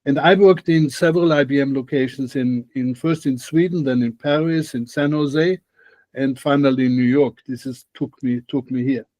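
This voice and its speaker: On a low-quality, room-free recording, an older man from Austria speaks at medium pitch with fairly even intonation, normal speed and a darkish tone. He's a guest expert giving thoughtful interview answers over a video call from a home room, his Austrian accent clear and his sentences often restarted.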